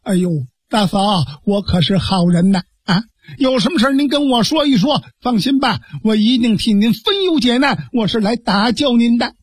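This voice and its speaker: A man's voice: very high voice, moderate pace, husky, no room sound, clean studio sound. A male storyteller voicing a plain-looking, kind-hearted man who earnestly reassures a stranger. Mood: reassuring.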